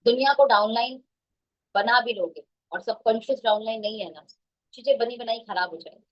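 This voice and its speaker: A woman's voice: on the high side, brisk. A woman giving an emphatic motivational talk, repeating her phrases and mixing in English. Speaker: motivational speaker. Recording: dull lo-fi sound.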